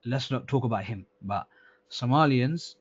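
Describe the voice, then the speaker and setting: A man's voice: mid-range voice, moderate pace, breathy edge. A man reviewing a sales call with a student in a casual coaching tone, often repeating words and calling him akhi. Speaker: sales mentor. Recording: slightly dull lo-fi sound.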